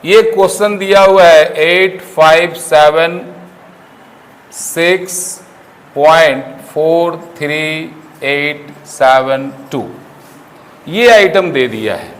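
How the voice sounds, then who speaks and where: A male teacher lecturing a room full of students. His voice sits a little high and he speaks slowly, drawing words out as he dictates. He keeps firing questions at the class to check they follow. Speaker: commerce teacher.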